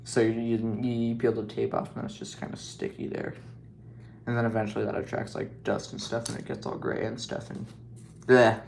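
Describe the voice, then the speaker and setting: A man with a gravelly, middle-pitched voice talks casually as he works on a scale model, wandering from point to point and joking at his own expense. His speech is loose and full of fillers, and faint room noise sits under it. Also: flat delivery, moderate pace, darkish tone. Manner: rambling, self-joking, lots of fillers. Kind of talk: casual hobby vlog commentary.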